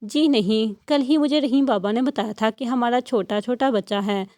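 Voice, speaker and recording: Woman reading a spirited young student heroine, firm, high-ish voice. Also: a little mellow, dry recording, studio quality, lightly acted. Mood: cheerful. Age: young adult. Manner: firm, affectionate, insistent. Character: bold caring young female university student.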